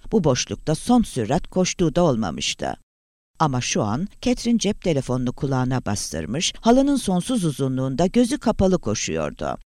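A man narrating a thriller audiobook with a dramatic, expressive reading. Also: fairly high pitch, no room sound, studio quality. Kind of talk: scripted narration.

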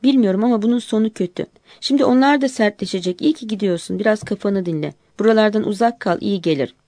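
A woman voicing a worried male friend who gives earnest, quick warnings in a story. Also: sits high, a little mellow, no room sound, clean studio sound. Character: worried man friend, grim about politics.

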